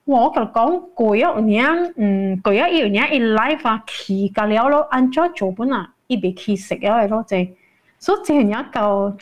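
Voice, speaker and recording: A woman with a Penang Hokkien accent co-hosting a podcast, telling a story in a drawn-out, animated way full of asides. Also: a little high. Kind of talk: casual storytelling chat.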